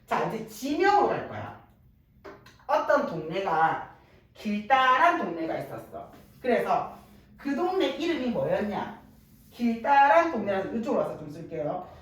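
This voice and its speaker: A woman with a teaching a Korean language class, lively and constantly checking whether her students follow. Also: medium pitch. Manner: lively, checks understanding constantly with rhetorical questions. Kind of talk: classroom lecture. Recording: echoey room, voice from a distance, faint noise.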